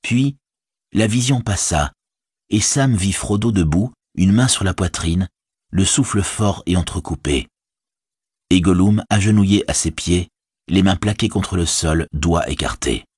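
Deep, husky man reading fantasy aloud. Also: no room sound, clean studio sound. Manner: measured, expressive reading. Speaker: audiobook narrator. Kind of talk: scripted fantasy narration.

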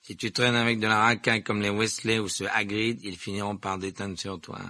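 A man's voice: lowish voice, little pitch movement, fairly quick, pushed and bright, dry recording. A man voicing an arrogant, contemptuous rich boy who drawls his insults. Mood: menacing.

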